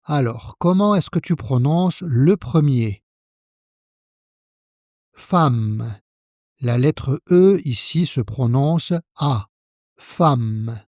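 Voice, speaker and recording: A man from France teaching French pronunciation, speaking slowly and carefully, spelling out each sound for the learner. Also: fairly high pitch, expressive, dark tone, dry recording, studio quality. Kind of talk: pronunciation lesson.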